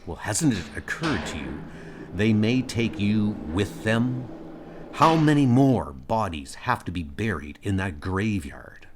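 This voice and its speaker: Resolute male starship captain played by a man, low-pitched and earnest, for a comic-book audio drama. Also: sing-song, takes it slowly, background noise. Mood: pleading.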